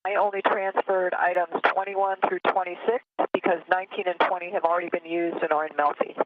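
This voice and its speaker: A man's voice: sits high, flat delivery, a little fast, no echo. A man aboard a space station giving a matter-of-fact report over a narrow space-to-ground radio link. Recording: tinny, phone-like radio transmission.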